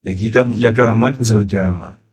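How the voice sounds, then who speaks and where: A man with a Colombian accent preaching a sermon in church as pastor, swinging sharply in pitch and loudness and tossing rhetorical questions to the congregation. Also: steady tone, rapid-fire, breathy edge.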